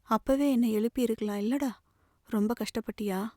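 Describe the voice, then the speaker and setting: A woman's voice: on the high side, normal speed, dark tone, dry recording, studio quality, natural voice. A woman reading the part of a young man, a tender, protective elder brother pleading earnestly. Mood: caring. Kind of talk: audiobook novel reading.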